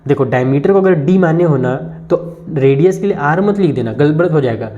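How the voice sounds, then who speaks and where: A man works through a maths lesson step by step, talking straight to his students. His voice sits a little high and has a dark, mellow tone. The recording sounds dull and lo-fi. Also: lively intonation, moderate pace. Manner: explains step by step, addressing students directly. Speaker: maths teacher. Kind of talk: classroom math lesson.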